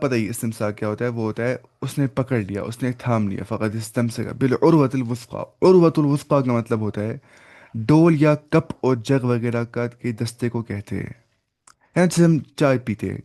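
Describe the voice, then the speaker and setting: In Urdu, a man walks through the meanings of Quranic words one step at a time, questioning and answering himself. English words creep in, Arabic phrases are recited slowly, and his mid-range voice has a darkish tone.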